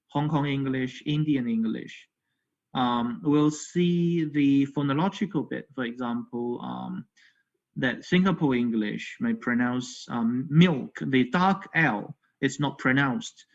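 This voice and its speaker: A man's voice: mid-range voice, slow pace, dull audio. A man giving an academic conference lecture remotely, hesitant, with many fillers and frequent "okay" check-ins. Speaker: academic presenter. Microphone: video call.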